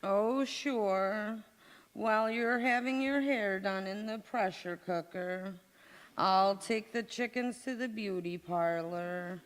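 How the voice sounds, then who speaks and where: On a community theatre stage in a big indoor hall, with echoey sound, a woman performs golden-age radio sitcom acting live. She lightly acts a hapless, frazzled housewife undone by a kitchen disaster, mixing dry comebacks with flustered wailing in a dazed, muddled mood. Her voice is mid-range and slow.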